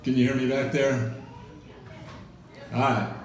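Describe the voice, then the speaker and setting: A man's voice: medium pitch, level tone, slow. A middle-aged man giving an informal memorial speech, rambling with many fillers and wry jokes. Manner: rambling, full of "you know", wry jokes. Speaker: eulogy speaker. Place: large event room. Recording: very echoey room, distant mic.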